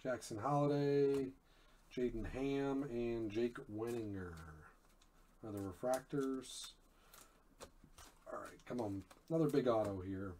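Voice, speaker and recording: Man, card break host, very slow, low-key commentary, faint background hiss. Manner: slow and low-key, bursts into loud excited shouts on big pulls.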